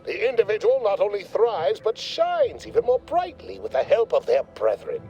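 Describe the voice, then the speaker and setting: A pompous corporate lab boss from a video game, gushing buzzwords and talking down to everyone. His voice sits a little high and swoops all over as he lectures, with soft game music underneath. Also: big pitch swings, moderate pace, creaky, highs cut off, heavily acted. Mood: smug. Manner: verbose, condescending corporate jargon.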